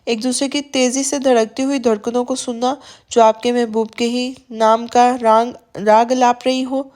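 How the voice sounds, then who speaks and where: A woman narrating a romance novel as an audiobook, reading softly and evenly. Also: a little high, level tone.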